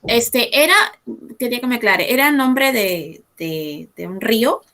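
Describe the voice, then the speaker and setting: A woman student asking the teacher a question, unsure and halting. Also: fairly high pitch, fairly bright tone.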